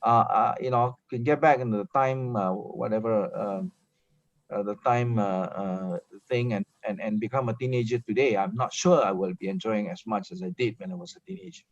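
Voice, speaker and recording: A man's voice: lowish voice, moderate pace, dry recording. A man talking as a webinar panel guest, hesitant, with many fillers and repeated words. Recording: dull dry video call audio.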